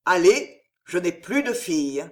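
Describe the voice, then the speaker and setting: A reader voicing a proud dying old nobleman in an audiobook, declaiming loudly with anguish. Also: mid-range voice, sing-song, measured pace. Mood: indignant. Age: older. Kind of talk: audiobook character reading.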